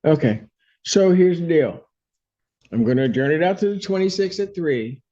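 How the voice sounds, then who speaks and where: A man's voice: on the high side, lively intonation, moderate pace, dark tone. A man speaking as a judge in an informal hearing, plain-spoken and patient, often interjecting. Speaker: judge presiding over a hearing. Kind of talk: informal courtroom exchange. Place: court hearing held over video call. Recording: dull video call audio.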